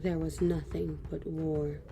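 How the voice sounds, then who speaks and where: A woman gives a full character voice, low-pitched and flat, as a solemn elven noblewoman in a fantasy audio drama. Somber and measured, she relates ancient history against clearly audible background noise and ambience.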